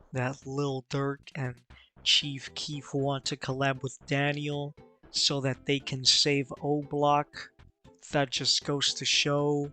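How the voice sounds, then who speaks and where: A man's voice: medium pitch, bright, forceful tone. A man hosting a scripted commentary in a mocking manner. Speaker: commentary host.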